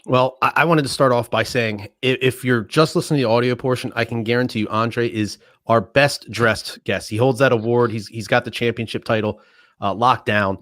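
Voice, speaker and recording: A man's voice: medium pitch, steady tone, brisk, fairly bright tone, dry recording, clean studio sound. A man who is a military veteran co-hosting a podcast, talking casually and acting out quoted remarks with animation.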